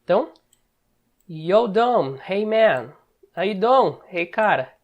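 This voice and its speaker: A man with a Brazilian Portuguese accent teaches English in a relaxed, conversational way. He breaks each phrase down step by step and keeps checking in with short asides to his viewers. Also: high voice, slow pace, highs cut off. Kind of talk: casual screen-share lesson.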